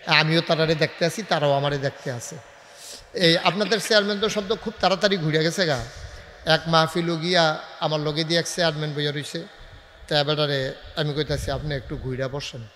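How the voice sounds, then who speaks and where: A male preacher with a Comilla Bengali accent, bantering with the crowd and then chanting in a sung, drawn-out cadence, leading call-and-response. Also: fairly high pitch, fairly bright tone. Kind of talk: open-air religious sermon. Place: large outdoor gathering at night. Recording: reverberant outdoor PA sound with faint crowd noise.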